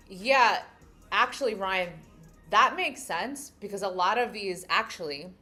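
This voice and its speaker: Reading comments from her live-stream audience, this young adult New Yorker thinks out loud and keeps things casual. She has a New York accent, and her fairly low voice sounds pushed and bright.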